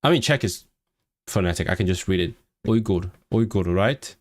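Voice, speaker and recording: A man from Hong Kong with a vague non-southern English accent, chatting casually on a language-learning livestream as he reads out comments, rambling, restarting words and jumping up in pitch when excited. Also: a little fast, dry recording.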